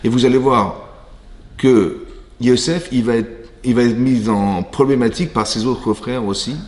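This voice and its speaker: A man's voice: mid-range voice, fairly even intonation, a little slow, darkish tone. Man teaching a Torah class in an echoing synagogue. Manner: conversational, checks listeners with "ça va?"; reads Hebrew verses then explains in French. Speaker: rabbi teaching a women's class. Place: synagogue hall. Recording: long reverb of a synagogue hall.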